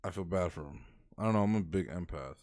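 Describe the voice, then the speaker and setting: Low-voiced man reacting on a stream. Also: fast talker, a little mellow, a little hiss or hum. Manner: chatty, swears freely, thinks aloud. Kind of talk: casual live-stream commentary.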